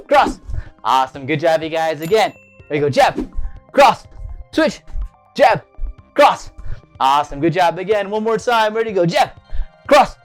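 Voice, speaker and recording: A man with a fairly high voice leads a children's martial arts workout over music. He punches out counts and commands for the group to echo. In between, he is encouraging and energetic, tossing out quick praise. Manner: calls out counts and commands loudly for a group to repeat. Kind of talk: upbeat kids' fitness lesson with call-outs.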